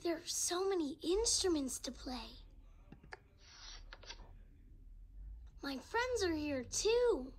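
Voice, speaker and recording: A young performer voicing a friendly, gentle little boy tiger who narrates a children's read-along storybook in a slow, sing-song way. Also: very high voice, big pitch swings, full character voice. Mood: cheerful, friendly.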